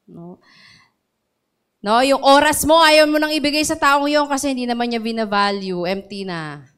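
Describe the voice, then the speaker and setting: A woman's voice: high voice, moderate pace, a bit bright, clear, resonant tone. A woman pastor with a Filipino accent preaching a sermon, calling out to the congregation and getting emotional over scripture. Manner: mixes English into sermon, asks congregation for responses; emotional when reciting scripture.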